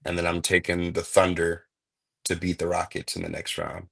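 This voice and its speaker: A man's voice: sits low, completely flat delivery, normal speed, vocal fry, a bit bright, slightly rough. A man hosting a casual sports talk show, laid-back and putting questions to his co-host.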